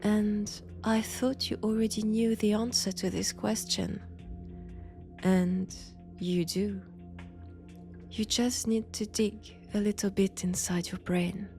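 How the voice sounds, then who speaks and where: A woman with a French accent plays a menacing, seductive female vampire in an intimate roleplay audio drama, softly taunting and often whispering. Her medium-pitched voice is gravelly, and her mood is teasing and probing.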